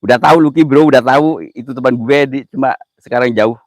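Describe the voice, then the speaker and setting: A man's voice: medium pitch, quick pace, no echo, studio quality. A man, hosting a ghost-hunting livestream outdoors at night, joking nervously and calling out viewers by name. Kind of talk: casual live commentary.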